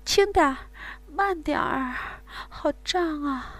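A woman's voice: high-pitched, takes it slowly, a bit bright, pitched above the performer's own voice. A woman doing a breathless, pleading young lover.

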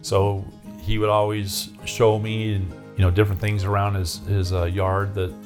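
A man from Arizona with a fairly low voice recalls his past in an easygoing way. He rambles, restarting his sentences and leaning on fillers. A faint guitar plays in the background. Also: level tone, moderate pace. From Arizona, USA. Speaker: interviewee. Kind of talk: casual recollection.

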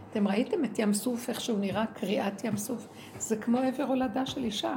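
Gravelly woman giving impassioned spiritual testimony. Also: background noise. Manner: emotional, swings from low murmurs to loud cries; recounts inner dialogue in quoted speech. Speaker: speaker in a religious talk.

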